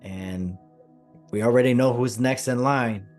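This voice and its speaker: A man hosting a wrestling podcast, chatting excitedly and stressing his points, his voice a bit hoarse. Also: medium pitch, a little slow, soft background music. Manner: excited, emphatic, repeats phrases. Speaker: podcast host. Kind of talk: casual podcast chat.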